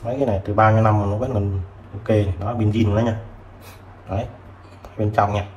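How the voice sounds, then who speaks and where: A man selling used tools who chats casually while showing old multimeters, filling pauses with short words. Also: lowish voice, fairly even intonation, a little mellow, dull audio. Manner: chatty, fills with "đấy" and "rồi". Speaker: used tool seller. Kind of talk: casual product demo. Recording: roomy with faint background noise.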